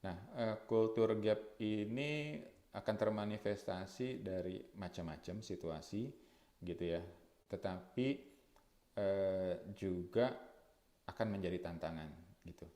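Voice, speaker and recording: A man speaking at a webinar in a conversational way, often adding filler tags and slowing down to stress key words. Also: sits low, mellow. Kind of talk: webinar talk. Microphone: webinar mic. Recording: echoey room.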